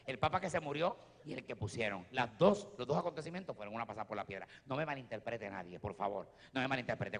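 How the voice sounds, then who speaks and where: A man with a Puerto Rican Spanish accent doing stand-up comedy in a theater, animated and shifting between low asides and loud bursts. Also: creaky. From Puerto Rico. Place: theater stage. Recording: live theater with long hall reverb.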